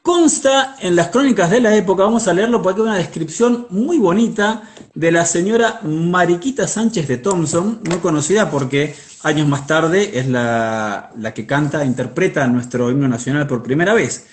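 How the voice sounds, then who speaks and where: A man's voice: a little high, lively intonation, moderate pace, few pauses. A man with a Buenos Aires Argentine accent, telling history conversationally with wry, playful asides. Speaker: history segment presenter.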